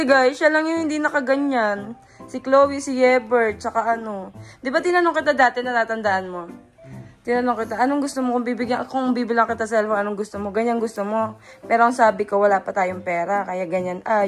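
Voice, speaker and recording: A woman's voice: on the high side, normal speed, soft background music. A young woman from the Philippines vlogging casually from a messy bedroom, her voice worn out from tiredness, teasing and laughing a lot. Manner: excitable, laughs and teases a lot. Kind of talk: casual vlog chat.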